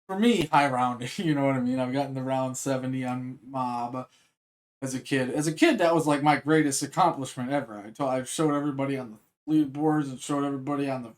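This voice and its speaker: A man's voice: medium pitch, fairly even intonation, fast. A man rambling casually as he sets up a reaction to a video, with many fillers and restarts. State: hiccups. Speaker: reaction streamer.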